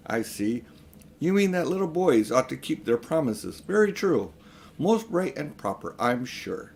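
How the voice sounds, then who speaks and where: A pompous old magician uncle, as a male reader puts him on for a storybook. He is grandiose and condescending, talking down to others in a lively, swinging pitch. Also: gravelly, slight background noise. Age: older.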